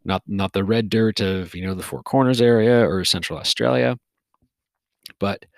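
Recorded outdoors by a forest, this solo podcast monologue features a male host talking in a loose, casual ramble, full of fillers and restarts and a touch of tiredness. He has a lowish, gravelly voice at a moderate pace, with no echo.

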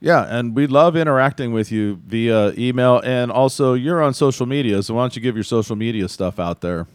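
A man's voice: medium pitch, brisk, clear, resonant tone, dry recording, clean studio sound. An American man talking casually as the host of a podcast.

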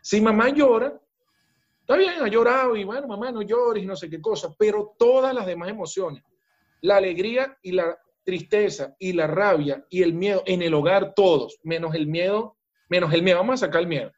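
A man's voice: high voice, moderate pace, highs cut off. A man with a Venezuelan accent, a business coach speaking in a podcast interview, emphatic and talking straight to the listener.

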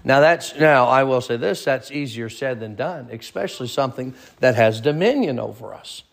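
A man's voice: medium pitch, animated, normal speed, gravelly. A man in his thirties leading an informal Bible study, talking plainly and repeating phrases for emphasis. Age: 30s. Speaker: pastor.

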